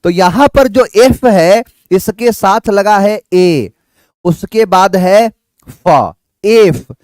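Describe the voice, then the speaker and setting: A man teaching an English lesson, spelling out sounds slowly and checking in with "clear?". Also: high voice, expressive, darkish tone, dry recording. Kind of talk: classroom lecture.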